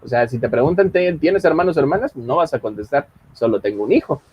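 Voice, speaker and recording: A man teaching English in an online class, explaining calmly and reading English example lines slowly. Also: fairly high pitch, husky, dull audio.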